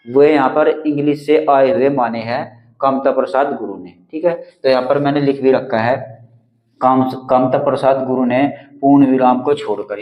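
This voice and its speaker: A man's voice: medium pitch, dull audio. A man teaching an exam-prep grammar lesson and explaining step by step while pointing at written notes.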